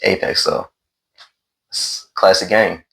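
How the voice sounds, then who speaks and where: A man's voice: deep voice, steady tone, measured pace, creaky, fairly bright tone. A man hosting a casual gaming conversation, asking questions and teasing his friend in a laid-back way. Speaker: podcast host.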